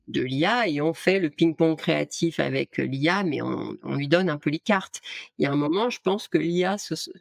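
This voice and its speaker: Woman guest, gravelly voice, dry close sound, hesitant with restarts. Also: deep voice, dry recording. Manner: hesitant, many restarts and fillers. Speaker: guest, art director and AI trainer. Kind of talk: casual interview talk.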